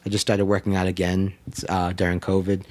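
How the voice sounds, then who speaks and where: Here a painter in his thirties chats casually as a guest in an indoor studio fitted with mic arms, thinking aloud with frequent "like" and "um." The recording is dry, and his low, darkish voice stays monotone while moving fairly quickly.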